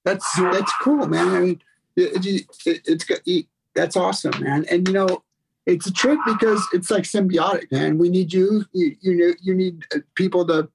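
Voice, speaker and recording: A man speaking as a podcast guest in casual, laid-back chat, halting and repeating his phrases. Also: high-pitched, steady tone, creaky, background noise.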